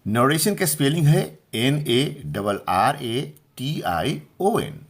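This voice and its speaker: A man's voice: mid-range voice, big pitch swings. A middle-aged man teaching pronunciation, patiently repeating each word and checking that listeners follow. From India. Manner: slow, patient, repeats words and asks if clear. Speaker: English teacher. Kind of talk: Hindi-language pronunciation lesson.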